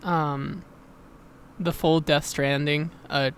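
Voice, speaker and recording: A young man co-hosting a podcast in casual chat, hesitant and halting with many pauses. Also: a little high, steady tone, slight background noise. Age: young adult. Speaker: podcast co-host.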